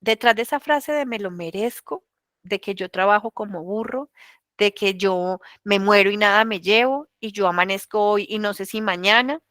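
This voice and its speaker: A woman leading a virtual financial education workshop, speaking colloquially and telling lively anecdotes. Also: mid-range voice, moderate pace, clear, resonant tone, dry recording. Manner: colloquial, animated storytelling.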